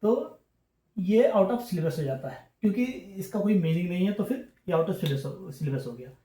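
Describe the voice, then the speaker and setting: In an echoey room, a patient male English teacher runs a classroom-style grammar lesson. His voice is high and mellow with lively intonation at a moderate pace, and he keeps repeating explanations and checking in with his students.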